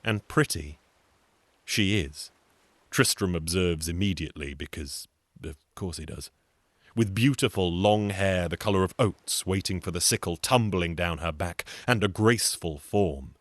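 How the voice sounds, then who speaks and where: A storyteller and singer with a British accent tells a scripted comic tale in a wry, chatty manner, full of asides. His voice sits low and his pace is measured, with no echo.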